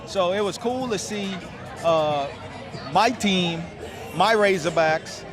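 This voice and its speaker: A man's voice: high voice, slow pace. A man from the Bahamas, a nonprofit founder, talking earnestly as a guest in an outdoor interview. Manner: earnest, conversational. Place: outdoor tailgate. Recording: outdoor tailgate with crowd and music. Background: crowd and loud music.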